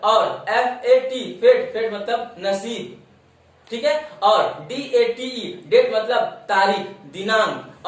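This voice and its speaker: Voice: medium pitch, distant mic. A teacher from India giving a spoken English pronunciation lesson, spelling each word out letter by letter. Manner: spells words letter by letter, slow and drawn out. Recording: roomy echo, voice off-mic.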